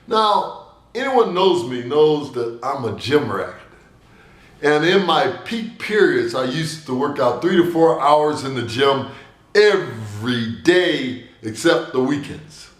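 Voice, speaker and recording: An older man delivers a personal sermon to the camera from a small indoor room, telling stories in a booming voice with big, animated gestures. He speaks slowly, and the room is reverberant.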